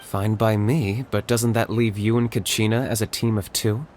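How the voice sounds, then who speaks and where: Cool, laconic young warrior Kinich, played by an actor. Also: male voice, lowish voice, steady tone, normal speed, a little mellow, a little hiss or hum, lightly acted. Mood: dry. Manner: dry, understated, matter-of-fact. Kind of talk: video game voice acting. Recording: game music behind.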